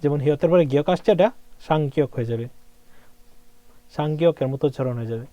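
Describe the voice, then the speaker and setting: A man teaching a casual language lesson, patiently repeating words slowly and checking that his student follows. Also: a little high, no room sound, dull audio. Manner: asks checking questions.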